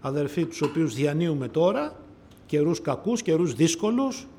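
A male preacher delivering a sermon to his congregation, asking rhetorical questions, repeating phrases for emphasis and swinging between loud declarations and soft asides. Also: on the high side, big pitch swings.

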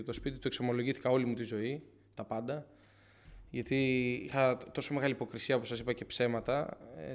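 Speaking in a mid-range voice, a young man gives his congregation an earnest, searching testimony of his faith. He often loops back, starts phrases over, and repeats his own words as he goes.

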